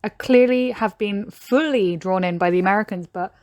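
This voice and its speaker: A young British woman casually reacting to a video, thinking aloud and getting excited. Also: mid-range voice, moderate pace, dry recording. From Britain.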